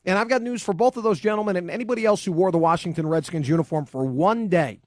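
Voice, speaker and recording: Combative talk radio host, dry studio sound. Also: male voice, sits high, fast talker, dry recording. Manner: combative, sarcastic, emphatic. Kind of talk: opinionated talk radio rant. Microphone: studio microphone.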